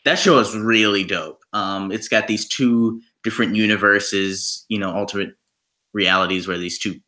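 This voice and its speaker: A man's voice: lowish voice, fairly even intonation, moderate pace, pushed and bright. A young man co-hosting a podcast, chatting casually and enthusiastically about his favorite shows. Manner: enthusiastic, playful. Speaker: podcast co-host. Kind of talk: casual chat.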